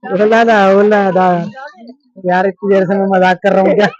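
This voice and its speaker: In a busy indoor livestock expo hall, a Pakistani man vlogs on foot, chatting casually, repeating himself and kidding around with animals and passers-by. His high voice has a flat delivery at normal speed. There's no echo, and the sound is lo-fi.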